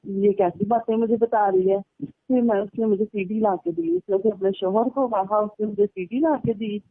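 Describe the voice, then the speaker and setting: A woman with a mid-range voice and moderate pace chats casually on a recorded phone call, recounting personal stories. The telephone line gives her a tinny, narrow sound that's dry, without room echo.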